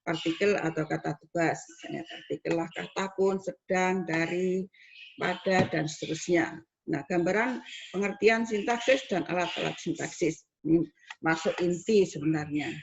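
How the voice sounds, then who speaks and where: A woman's voice: lowish voice, vocal fry. A woman university lecturer teaching students, explaining step by step and acting out spoken examples. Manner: explains slowly with spoken examples, rising on questions. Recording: dull lo-fi recording with faint noise.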